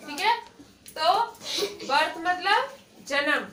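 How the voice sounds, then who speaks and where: A woman with a very high, bright voice teaches a class patiently, asking questions and checking that everyone follows. She is recorded from a distance in an echoey classroom with faint background noise. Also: animated, slow pace. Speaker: English teacher. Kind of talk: classroom lesson.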